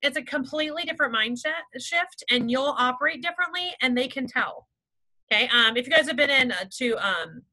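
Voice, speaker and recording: A woman's voice: high-pitched, lively intonation, fairly quick, pushed and bright, poor audio. A woman in her thirties leading a sales team meeting, upbeat and chatty, often saying "like" and "okay". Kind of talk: motivational team meeting talk.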